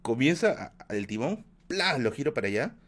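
Man, live streamer, vivid storytelling, spoken sound effects, mid-pitched voice. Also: big pitch swings, brisk.

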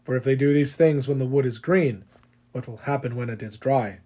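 A man voicing a calm, grave male teacher facing judgment in a measured, solemn reading. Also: medium pitch, close to an everyday voice.

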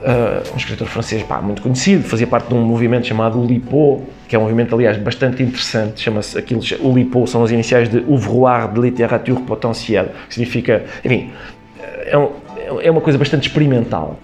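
A comedian guest with a European Portuguese accent lays out his ideas in a conversational interview, using examples and quoted asides. He talks fast in a mid-range, darkish voice over soft background music.

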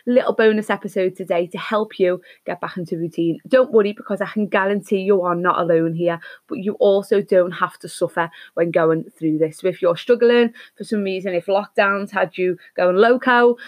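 A woman's voice: mid-range voice, dry recording. A woman hosting an advice episode, talking to listeners in an upbeat, encouraging way as she sets out tidy tips. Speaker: podcast host.

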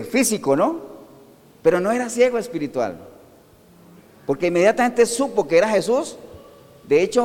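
Guy preaching a sermon, asks the crowd stuff and answers it himself, high voice, hall reverb. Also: darkish tone. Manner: questions the congregation and answers himself.

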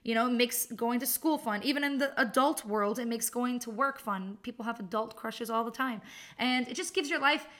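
This casual solo podcast features a twenty-something female host who is chatty and self-mocking, laughs a lot, and leans heavily on likes and ums. She sits on the high side, talks at a normal speed, and sounds a bit bright.

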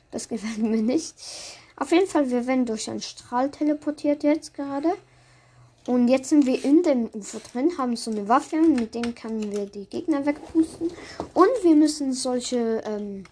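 A woman's voice: fairly high pitch, mellow. A woman giving casual live commentary on her own gameplay, reacting aloud in short bursts. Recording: clear background noise, keyboard clicks.

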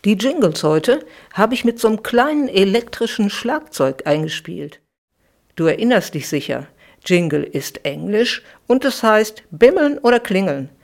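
Woman, middle-aged, children's author, bedtime story reading, lively, expressive, podcast. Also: medium pitch, a little slow, vocal fry.

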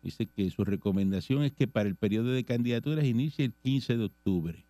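On his casual radio talk show, the Puerto Rican host goes through political news and comments on each item conversationally, with a Puerto Rican Spanish accent. He has a warm, mid-range voice and speaks a little fast, with no room sound.

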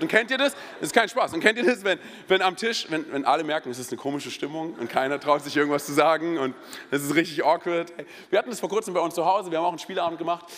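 A man in his thirties preaching a sermon in a church, energetic and joking, telling personal stories with many interjections. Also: high-pitched. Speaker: pastor. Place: church hall. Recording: long hall reverb.

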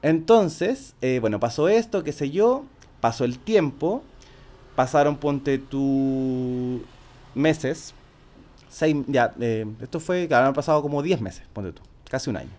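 A man's voice: medium pitch, expressive, unhurried, darkish tone. A young man with a Chilean accent, telling a personal story in casual, slangy chat and acting out quoted speech. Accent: Chilean Spanish.

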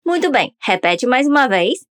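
A woman's voice: high voice, sing-song, normal speed, a bit bright, no echo, studio quality. A woman teaching a pronunciation lesson on a podcast, upbeat and coaxing listeners to repeat after her. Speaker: language teacher.

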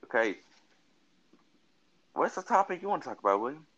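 A man's voice: fairly high pitch, sing-song, a little fast, a bit bright, slightly rough, dull audio. A tired young man co-hosting a casual late-night chat, laid-back and hedging as he talks. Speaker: co-host.

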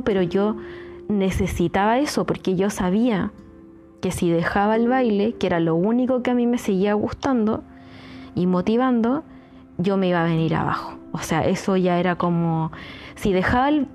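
A woman's voice: mid-range voice, a little mellow. A woman with a Chilean accent, a psychologist hosting a podcast, talking casually and earnestly, repeating her advice to urge listeners. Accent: Chilean Spanish.

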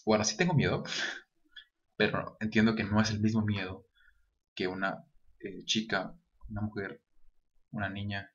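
This vlogger, a young man whose English carries a Mexican Spanish accent, earnestly recounts a personal anecdote to camera in a casual style. His voice sits on the low side and a bit bright, unhurried with long pauses, over dull lo-fi audio.

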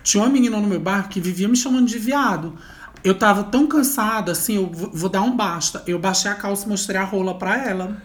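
A woman at mid pitch hosts a relaxed conversation podcast. She tells stories with lively energy and keeps the talk moving with questions. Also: quick pace. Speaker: podcast host. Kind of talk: casual chat.

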